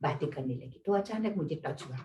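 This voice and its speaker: An older woman from Nepal tells her own story to a gathering, her voice low and settled as she acts out the people in it and keeps checking in with her listeners. She sounds some way off from the mic. The sound rings around a roomy indoor hall. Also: a little fast. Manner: lively storytelling, acts out quoted family members, frequent tag questions. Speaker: senior spiritual teacher. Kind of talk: personal life story told to a gathering. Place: indoor meditation centre hall. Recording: roomy hall, voice picked up from a distance.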